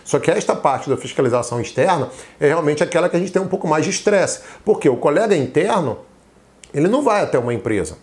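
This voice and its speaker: Man, Carioca accent, middle-aged, rapid delivery, chatty advice talk. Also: fairly high pitch, sing-song, a little mellow. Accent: Carioca Brazilian Portuguese. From Rio de Janeiro. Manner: chatty and emphatic, acts out imagined questions. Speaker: tax auditor and exam-prep teacher. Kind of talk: casual advice talk to viewers.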